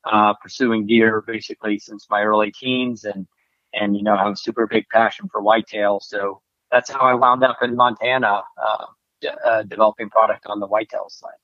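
Low man over a muffled computer call. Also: fairly even intonation, moderate pace, bright, forceful tone, no echo. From Southeastern United States. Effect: heard over a computer call. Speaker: podcast guest, gear product manager. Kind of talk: casual interview chat. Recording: dull lo-fi computer call audio, dry.

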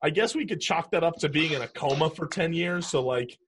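A man's voice: fairly high pitch, animated, a little fast, fairly bright tone, slight background noise. A man casually chatting through a movie commentary, cracking jokes and laughing often. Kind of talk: casual movie watch-along chat.

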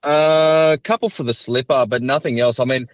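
A man's voice: mid-range voice, steady tone, normal speed, dry recording. A man co-hosting a casual racing podcast, rambling and hedging with lots of fillers. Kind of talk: casual chat. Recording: slightly dull, dry sound.

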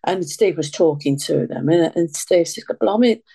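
Low, dark-voiced older woman. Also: fairly even intonation, normal speed, breathy edge. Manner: rambling, repeats herself, lots of reported speech. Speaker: guest. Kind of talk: casual storytelling.

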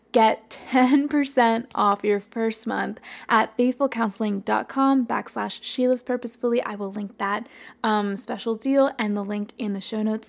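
Slightly hoarse woman with a creaky, higher-pitched voice. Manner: earnest, encouraging. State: slightly hoarse, worn voice from recording the day before. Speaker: podcast host. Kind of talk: Bible study podcast talk.

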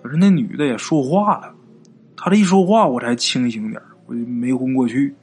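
A man's voice: medium pitch, fairly quick, a little mellow, breathy edge, voice pushed down. A man doing a swaggering village man. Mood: boastful, spooked. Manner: coarse, swaggering folksy talk. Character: boastful middle-aged village man telling a tipsy ghost tale.

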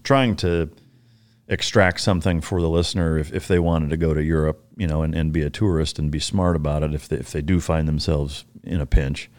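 Podcast host, man with a very deep voice, casual questions, dry close sound. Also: fairly even intonation, brisk, darkish tone, dry recording. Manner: frequent brief agreement, casual swearing.

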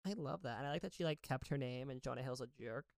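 Playful woman podcaster with creaky voice. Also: a bass voice, quick pace, a little mellow, dry recording, studio quality. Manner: playful, joking. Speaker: podcast co-host. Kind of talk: casual chat.

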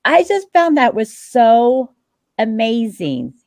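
A woman's voice: fairly high pitch, big pitch swings, slow, a little mellow, no echo. A woman in her fifties hosting a casual interview, chatty and frank, laughing often. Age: 50s. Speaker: podcast host.

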